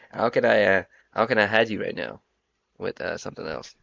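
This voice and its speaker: Low gravelly young man streaming. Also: moderate pace, fairly bright tone, dull audio, a little hiss or hum. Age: 20s. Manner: profane, joking banter. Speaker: trading livestream host. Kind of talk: casual stream chat.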